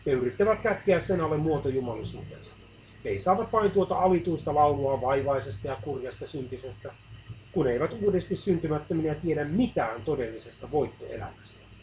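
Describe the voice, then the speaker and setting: A man's voice: a little high, animated, a little mellow, a little hiss or hum, poor audio. Earnest male reader of a devotional book. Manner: earnest and measured.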